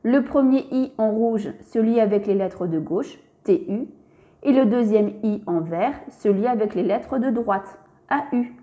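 A woman's voice: fairly high pitch, a little slow, narrow, tinny audio. A woman narrating a scripted reading lesson for young children, spelling out letters and syllables one by one and speaking to the child directly.

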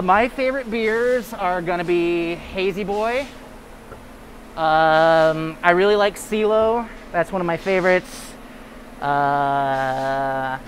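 Chatty young man in a noisy warehouse. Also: sits high. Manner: relaxed, talkative with many fillers. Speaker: brewery guest. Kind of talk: casual chat. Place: large warehouse, indoors.

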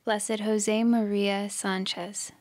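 A woman hosting a prayer podcast, reading scripted prayers in a slow, measured, prayerful way. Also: mid-range voice, level tone. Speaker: podcast host leading prayer.

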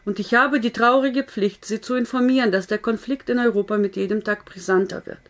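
A woman's voice: on the high side, steady tone, brisk, lightly acted. A woman reading as a stern army captain. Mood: earnest. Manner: firm and loud, careful to sound neutral.

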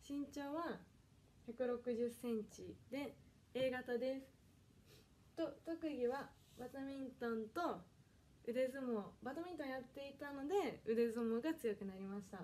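In an unhurried, mellow, high-pitched voice, a woman of twenty from Kanagawa, Japan, chats politely during a solo livestream at home as part of her idol audition streaming. She reads viewer comments aloud and apologizes often.

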